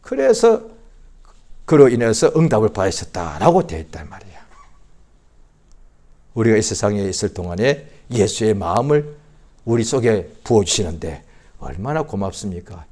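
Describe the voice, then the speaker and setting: A male pastor preaching at a Friday prayer meeting, swinging from loud surges to hushed drops and repeating phrases for emphasis. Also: on the low side, big pitch swings, normal speed, pauses often.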